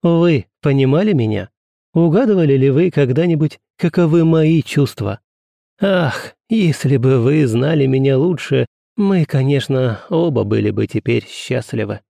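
A man reading the part of a gallant gentleman who speaks softly and sweetly, with coaxing tenderness and a touch of sad irony. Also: medium pitch, unhurried, dry recording, clean studio sound, lightly acted. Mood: earnest. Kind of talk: audiobook character reading.

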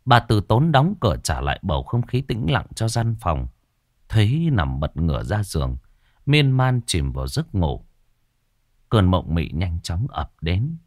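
A man narrating a horror story in a dramatic, expressive reading style. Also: low-pitched, a little slow, no echo, clean studio sound.

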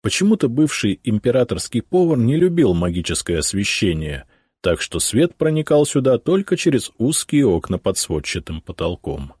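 Husky-voiced male audiobook narrator. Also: medium pitch, very animated, moderate pace, a little mellow, dry recording, studio quality. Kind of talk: first-person audiobook narration.

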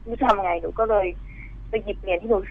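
A woman's voice: medium pitch, steady tone, fast, slightly rough. A woman calling in to tell a ghost story, earnest and polite, narrating in careful detail over the phone. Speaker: caller telling a ghost story. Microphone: telephone. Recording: muffled phone line.

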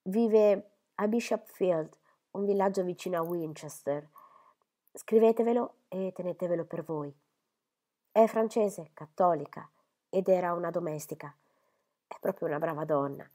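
A woman voicing a pale, ailing young man who speaks quietly and slowly as he confides. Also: on the low side, lightly acted. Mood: confiding. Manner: quiet, slow, subdued.

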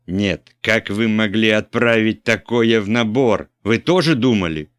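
A man's voice: lowish voice, moderate pace, sharp tone, no echo, studio quality. A man reading an audiobook, voicing an irate, domineering older bishop who bellows and scolds. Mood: furious. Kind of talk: audiobook character voice.

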